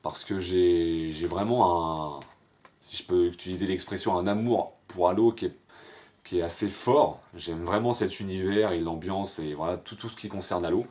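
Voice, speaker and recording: A man's voice: low voice, normal speed, a little mellow. A young man from France answering viewer questions in a casual, rambling way, full of fillers and slang. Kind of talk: casual FAQ monologue.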